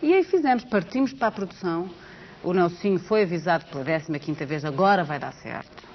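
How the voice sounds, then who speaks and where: A middle-aged Portuguese woman with a lowish voice and a Portuguese accent carrying Brazilian touches chats as a guest on a TV talk show about her project. She's an animated storyteller, gesturing and tossing in quick asides. Recorded on a lapel mic in a TV studio, the broadcast sounds dull and lo-fi with faint hiss.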